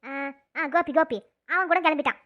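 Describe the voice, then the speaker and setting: A woman's voice: very high voice, moderate pace, highs cut off. A woman doing a grumbling old cartoon father.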